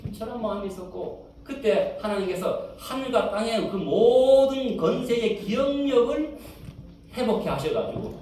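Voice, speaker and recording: Gyeongsang-accented pastor preaching in an echoey church. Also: male voice, high voice, lively intonation, normal speed, warm tone, slight background noise. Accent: Gyeongsang Korean. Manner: storytelling, mimicking grandmothers' dialect voices. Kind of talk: sermon with acted-out anecdotes. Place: church sanctuary. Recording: roomy church hall from far off.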